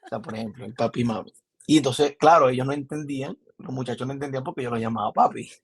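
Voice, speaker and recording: A young Venezuelan man with a Maracaibo accent, a podcast guest chatting casually and telling animated stories with many restarts. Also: medium pitch, fast, breathy edge. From Venezuela, Zulia. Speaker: podcast guest, film director. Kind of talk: casual interview chat.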